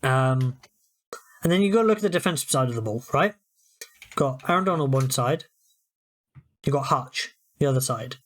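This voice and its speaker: A man's voice: mid-range voice, lively intonation, moderate pace, long pauses. Chatty British man talking football. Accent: British English. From United Kingdom. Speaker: podcast co-host. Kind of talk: casual sports chat.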